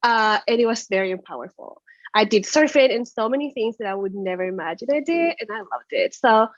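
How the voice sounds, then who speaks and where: A woman's voice: a little high, lively intonation, brisk, no room sound, muffled recording. A woman from Chile, a guest entrepreneur, answering interview questions earnestly with lots of "uh" and "like". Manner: earnest, many "uh" and "like" fillers.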